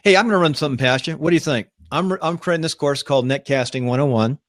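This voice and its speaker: A man hosting a live online talk show, chatting casually in a rambling, upbeat way and pitching his ideas to guests. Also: quick pace, a bit bright, no echo, studio quality. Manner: rambling, upbeat, self-promoting. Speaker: podcast host. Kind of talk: casual live-stream chat.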